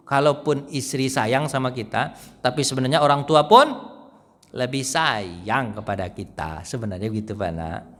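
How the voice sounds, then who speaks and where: A man teaching a mosque study session, lively, joking and quizzing the audience. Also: mid-range voice. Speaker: Islamic teacher. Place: mosque hall. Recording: long hall reverb.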